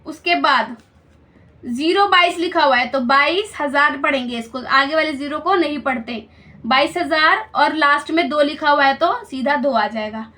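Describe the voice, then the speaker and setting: Lady maths teacher, really high bright voice, patient step by step explaining. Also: normal speed. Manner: patient, explains each step and checks with questions.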